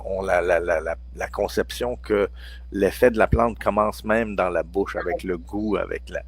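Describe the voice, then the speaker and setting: A deep, low-pitched man in his sixties with a Quebec French accent. He explains sleep remedies in a relaxed, conversational way. He hesitates and restarts his phrases often. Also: moderate pace. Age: 60s. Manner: hesitant, many restarts and fillers. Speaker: guest pharmacology researcher. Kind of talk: casual expert chat.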